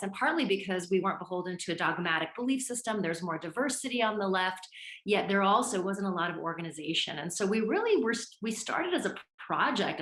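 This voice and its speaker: Lower-pitched female voice in an echoey room. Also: fairly bright tone. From born in Lebanon, moved as a young child. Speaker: panelist, activist and trauma specialist. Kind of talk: reflective conference panel talk.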